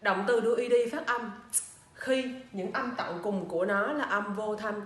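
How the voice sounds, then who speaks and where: A woman teacher slowly and carefully explaining voiceless sounds to young pupils. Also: mid-range voice, fairly bright tone, roomy sound, slight background noise. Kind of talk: explaining a lesson to children.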